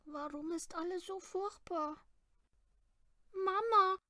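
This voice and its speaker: A woman's voice: very high-pitched, fairly even intonation, a little slow, no room sound, clean studio sound, pitched above the performer's own voice. A woman voicing a frightened little girl lost in the snow, tearful and pleading. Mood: crying out.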